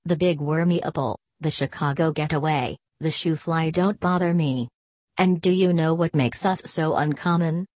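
A woman's voice: deep voice, moderate pace, a little mellow, dry recording. Woman reading a young man's rousing speech. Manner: oratorical, building rhetoric. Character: nervous young male speaker rousing a crowd.

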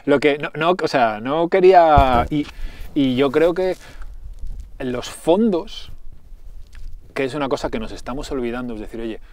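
A man's voice: medium pitch, animated, measured pace, long pauses, a little mellow. A man in casual conversation, thoughtfully explaining his ideas with examples. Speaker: social entrepreneur guest.

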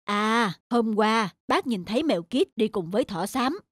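A woman voicing a kindly older neighbor animal in a children's cartoon, with a low, unhurried put-on voice over music. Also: lively intonation, dry recording, clean studio sound. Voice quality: low, slow put-on elder voice. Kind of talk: cartoon voice acting. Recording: children's music bed behind.

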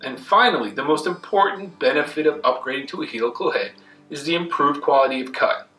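Talking brisk and animated in a slightly high, sharp voice, a man in his thirties who runs a woodworking channel speaks casually and directly to camera in his indoor shop. His manner is plain and friendly; faint guitar music plays in the echoey room.

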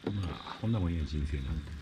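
A man's voice: low voice, quick pace. A man chatting casually in colloquial dialect over food and drinks. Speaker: vlog participant. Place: inside a tent. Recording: noisy ambient tent recording.

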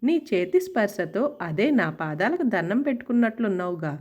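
A woman's voice: mid-range voice, sing-song, moderate pace, darkish tone, highs cut off, natural voice. A woman reading the lines of a playful, caring young husband who is a doctor, in a spoken story. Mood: teasing. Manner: playful, reassuring.

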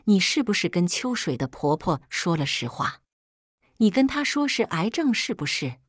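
A woman's voice: mid-range voice, big pitch swings, moderate pace, no room sound, studio quality. A woman voicing an older father, normally good-tempered, now furious and shaking. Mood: raging. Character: angry, long-patient older father.

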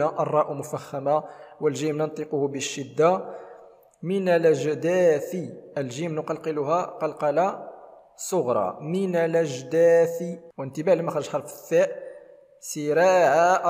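A man's voice: fairly high pitch, a little mellow, long reverb tail. A man teaching Quran recitation rules, explaining each rule methodically step by step. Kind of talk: tajweed lesson with demonstrations.

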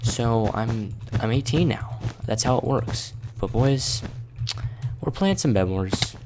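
An eighteen-year-old man quietly commentating a game late at night in his bedroom, calling viewers "boys" and "dude". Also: mid-range voice, lively intonation, slow pace, over music. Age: 18, young adult. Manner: hushed and casual, calls viewers "boys" and "dude". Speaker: gaming YouTuber. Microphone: desk microphone turned up.

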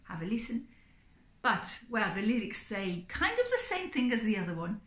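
A middle-aged woman, a singing psychic performer, hosts her own vlog from a sofa in a small indoor room, chatting expressively and theatrically to camera. Her medium-pitched voice swoops wildly, with a fairly bright tone at normal speed. The room sounds echoey.

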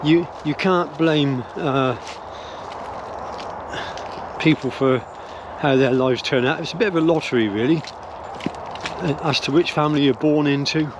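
An older English vlogger musing on a woodland path as he walks his dogs, filming himself on a phone or camera held close at arm's length. His voice is slightly high for a man, his pace measured with long pauses, and he hesitates, restarts and fills gaps in this rambling opinion piece. Wind and distant traffic are clearly audible behind him, and the high frequencies are cut off.

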